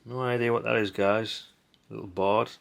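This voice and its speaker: Sorting through old electronics, a middle-aged hobbyist host chats in a dry, blunt, rambling way, tossing in tag questions and the occasional mild curse. His fairly low voice has vocal fry, a fairly even intonation, and a moderate pace. Clicks and clatter from handled parts sit alongside general background noise.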